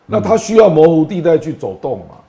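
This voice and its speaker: A man with a Taiwanese accent offers casual political commentary. His voice sits slightly high, and he argues emphatically in colloquial phrases that end on particles. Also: big pitch swings, fairly quick, vocal fry, warm tone.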